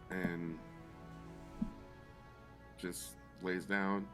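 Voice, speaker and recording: A man's voice: low voice, level tone, extremely slow, music in the background. A man playing a tabletop role-playing game, improvising narration of what his character does.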